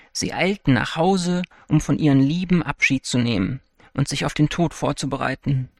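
A man reading a fairy tale aloud in a calm, even storytelling manner. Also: fairly high pitch, vocal fry, no echo, clean studio sound. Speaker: narrator. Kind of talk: scripted fairy-tale narration.

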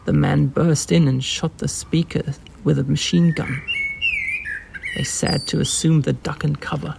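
Male reader, deadpan literary fiction, flat delivery, gravelly; noisy take with birdsong. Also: on the high side, measured pace. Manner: deadpan, even reading. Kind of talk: reading literary fiction aloud. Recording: noisy recording with birdsong behind. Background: birds chirping.

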